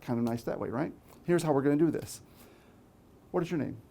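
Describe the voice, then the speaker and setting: Male magician, mid-pitched, live stage patter, playful teasing banter, lots of tag questions to volunteers. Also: expressive, brisk, creaky, mellow. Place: small theatre stage before a live audience.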